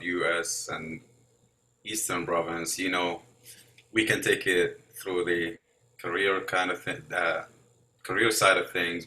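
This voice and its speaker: A man's voice: sits low, sharp tone, low-quality recording. A man hosting a podcast in an upbeat, chatty way, keeping the talk moving. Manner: upbeat, chatty host who keeps things moving. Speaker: host.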